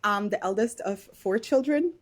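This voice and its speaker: A woman's voice: mid-range voice, normal speed. A woman from Morocco in her thirties, whose first language is Moroccan Arabic, speaks as a podcast guest, telling her story in a chatty way with fillers and light laughs. Her voice sits in the middle range for women. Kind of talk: casual interview storytelling.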